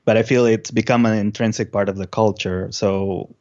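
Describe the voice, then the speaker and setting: In a laid-back interview, a Peruvian male musician who grew up speaking recounts stories, thinking aloud and halting as he gropes for his sentences. His voice is on the low side, captured in slightly dull, lo-fi audio.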